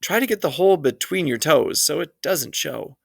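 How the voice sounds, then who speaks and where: A man reading aloud voices a fussy, worried mother of two boys, talking higher and slower than his own voice. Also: expressive, gravelly, no room sound, studio quality. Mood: fretful. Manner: anxious, fussing, higher slower voice.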